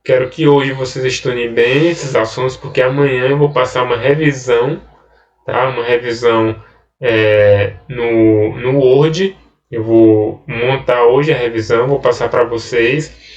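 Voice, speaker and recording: A man's voice: medium pitch, steady tone, normal speed, roomy sound, far from the mic, highs cut off, faint music behind. Brazilian male teacher explaining grammar. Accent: Brazilian Portuguese. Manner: explanatory, often adding "né?" and "tá?". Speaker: Portuguese teacher. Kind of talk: recorded online grammar lesson.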